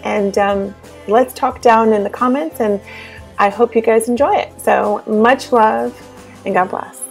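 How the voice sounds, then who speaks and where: A woman's voice: on the high side, fairly even intonation, measured pace, vocal fry, faint music behind. A woman in her thirties chatting casually in a voice-over about her kitchen decor, with plenty of ums and asides. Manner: chatty, with frequent um fillers and asides. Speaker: home cleaning and decor vlogger.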